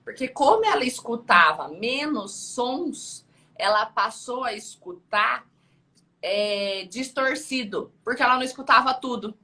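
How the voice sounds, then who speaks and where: A woman's voice: fairly high pitch, lively intonation, measured pace, pushed and bright. A woman audiologist talking casually as an interview guest, chatty and peppering her sentences with little check-in tags.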